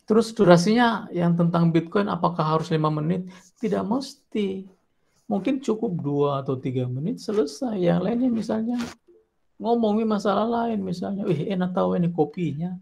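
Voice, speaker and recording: A man who is a university lecturer, giving a classroom lecture in an animated way and acting out short student voices as examples. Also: high voice, normal speed, vocal fry. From South Sulawesi, Indonesia. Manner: animated, acts out student voices while explaining.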